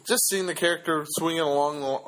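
A man's voice: a little high, fairly quick, low-quality recording. A man chatting casually about movies, rambling and joking. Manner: rambling, jokey, animated. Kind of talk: casual chat.

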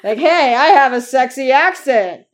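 A woman co-hosts a casual fan podcast, rambling through her points with heavy use of "like" and "uh." Her voice is high and animated at a normal speed.

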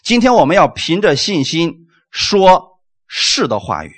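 Preaching at an unhurried pace, this man's fairly high voice stays lively as he fires off rhetorical questions. He rounds off his points with an "amen."

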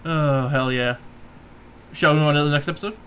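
High bright-voiced man, blunt and sweary. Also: a little fast, slight background noise. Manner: blunt, swears freely, reads from notes. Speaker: podcast co-host. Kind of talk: casual chat.

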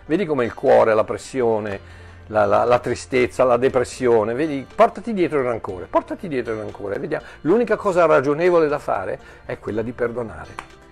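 A man preaching a sermon in an animated way, often repeating and restarting words, with jokey asides. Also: mid-range voice, moderate pace, gravelly, soft background music.

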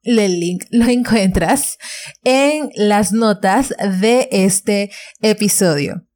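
A woman's voice: mid-range voice, extremely slow, a little mellow. A woman hosting her own podcast, giving casual advice in a chatty way and correcting herself as she goes. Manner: chatty, restarts and self-corrections. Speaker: podcast host.

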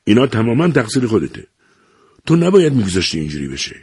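A man's voice: lowish voice, expressive, warm tone, husky, no echo, studio quality, pitched above the performer's own voice. A man reading a novel aloud, voicing an elderly doctor who curtly and impatiently scolds his grown son. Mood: angry scolding. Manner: curt, commanding, exasperated.

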